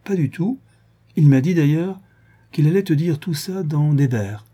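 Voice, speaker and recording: A man's voice: measured pace, husky. A man doing a sly, teasing young woman. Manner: lively, teasing, higher voice.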